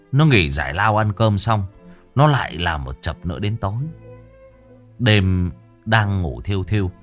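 A man narrating a ghost story in a dramatic, lively way. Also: deep voice.

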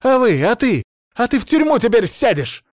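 A man reading an audiobook, voicing a cold, defensive female psychotherapist who talks in a sharp, hissing, scolding way. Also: a little high, animated, moderate pace, no echo, studio quality, voice pushed up, lightly acted. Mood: heated.

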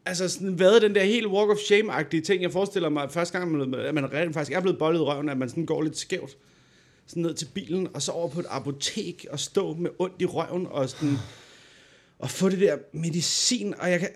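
A man co-hosting a podcast, casually telling a personal story and acting out the people in it. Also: fairly high pitch. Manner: animated storyteller, acts out quoted voices. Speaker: podcast co-host.

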